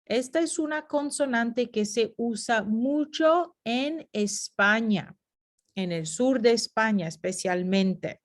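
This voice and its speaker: A woman lectures over her slides at an unhurried pace, her voice sitting a little high. She explains each point step by step and drops into brief English asides for her students. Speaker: Spanish teacher.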